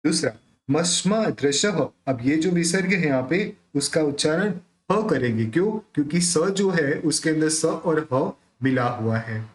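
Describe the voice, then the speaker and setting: A man with a Hindi accent teaching the pronunciation of devotional verses, explaining each sound and then reciting the lines in a slow, measured chant. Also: a little high, lively intonation. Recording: echoey room.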